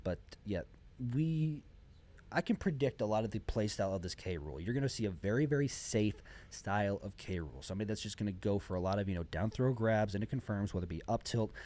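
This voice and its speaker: A man's voice: fairly low pitch, lively intonation, brisk, darkish tone. A man commentating live on a video game match in an esports caster style, talking at length through the plays. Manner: esports caster delivery, talkative, exclaims over plays. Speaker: esports commentator, also a player. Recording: music behind the voice.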